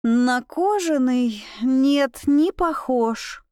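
A woman's voice: high-pitched, lively intonation, extremely slow, dark tone, clear, resonant tone, no room sound, clean studio sound, exaggerated voice. A woman voicing a frightened young heroine in a storybook, who asks nervous, startled questions. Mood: wary.

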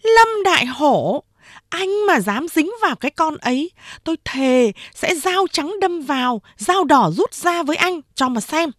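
A woman voicing a jealous, sharp-tongued young woman who scolds and mocks in a high, scornful voice. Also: animated, normal speed, no room sound, clean studio sound. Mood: threatening.

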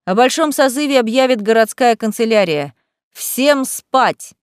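A woman's voice: fairly high pitch, lively intonation, measured pace, clean tone, no echo, clean studio sound. A woman voicing a stern elder man who gives orders. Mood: commanding. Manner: commanding.

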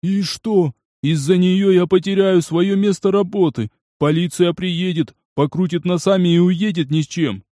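A man's voice: sits high, fairly even intonation, normal speed, few pauses, dark tone, no echo, clean studio sound, pitched above the performer's own voice, lightly acted. A man voicing an old male cafe owner who grovels and pleads shrilly, in an audiobook. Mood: bitter.

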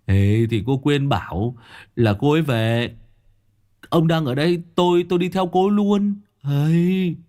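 A man voicing a giddy, freeloading young male sidekick who stammers excitedly. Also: fairly high pitch, unhurried, pitched above the performer's own voice, close to an everyday voice.

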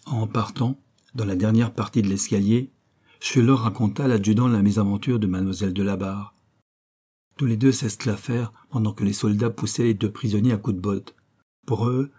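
Low husky male audiobook narrator. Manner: measured, even literary reading. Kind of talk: scripted narration.

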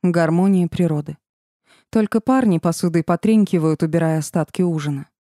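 A woman narrating a first-person fantasy audiobook in a measured, even storytelling manner. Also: on the low side, dry recording, clean studio sound.

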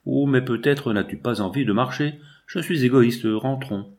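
A man's voice: mid-range voice, normal speed, a little mellow, natural voice. A man voicing a shy, poetic young man who speaks hesitantly. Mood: timid.

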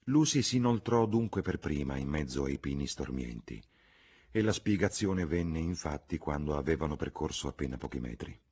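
Very deep, husky male reader. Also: lively intonation, normal speed, darkish tone. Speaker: audiobook reader. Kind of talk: literary audiobook narration.

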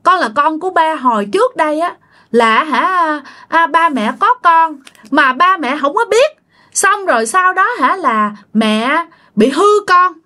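The pleading spirit of an unborn baby boy, as a woman narrator puts him on, high and tearful with a childlike plaintiveness. He speaks, begging softly and insistently. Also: expressive, measured pace, heavily acted.

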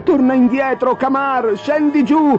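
A man's voice: mid-range voice, huge pitch swings, unhurried, over music. A man voicing an anxious old king who is easily swayed and emotional, in a dull lo-fi audiobook recording. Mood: panicked.

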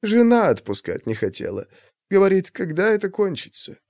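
A man doing a soft-spoken mild husband. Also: high voice, big pitch swings, normal speed, no echo, studio quality, pitched above the performer's own voice. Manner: soft and hushed, gentle reassurance. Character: soft-spoken middle-aged man, mild, quietly evasive.

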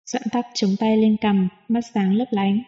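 Female audiobook narrator, even and smooth; dull lo-fi sound with long reverb. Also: medium pitch, measured pace. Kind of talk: scripted narration.

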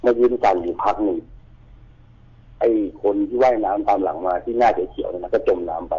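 Fast-talking low husky man. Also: mellow. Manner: rambling storyteller, quotes people in character. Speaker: caller. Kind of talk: telling a ghost story on radio. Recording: dull lo-fi radio sound.

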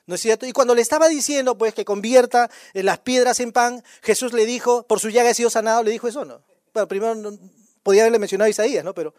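A man's voice: extremely high pitch, no echo, clean studio sound. A male pastor preaching a sermon in a conversational way, firing rhetorical questions at the congregation.

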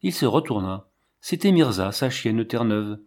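A man narrating an audiobook in a measured, dramatic reading. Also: medium pitch, sing-song, a little mellow.

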